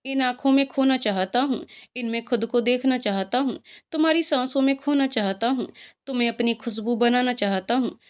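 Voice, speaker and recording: A woman's voice: fairly high pitch, moderate pace, darkish tone, lightly acted. A woman voicing a playful, romantic young man who speaks with teasing affection. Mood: tender.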